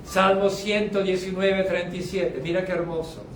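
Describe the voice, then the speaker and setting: Male pastor, high voice, emphatic sermon, slow stressed phrases and quiet asides, echoey room, distant mic. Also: flat delivery, slight background noise. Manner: emphatic preaching with sharp swings from loud to low.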